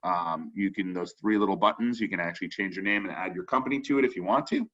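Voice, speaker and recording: A man's voice: deep voice, fast, fairly bright tone. A young man co-hosting an online meeting show, chatting casually with many fillers and restarts over a video call. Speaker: co-host of a web forum show. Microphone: computer mic on a video call. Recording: slightly dull video-call audio.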